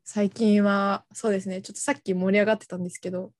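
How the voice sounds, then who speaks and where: A young woman in relaxed conversation, her voice close and dry with no room around it. She sits at an ordinary pitch for a woman, asking easy questions and chiming in readily. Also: dry recording. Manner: frequent quick backchannel agreement, friendly questions. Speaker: conversation partner. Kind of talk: casual chat.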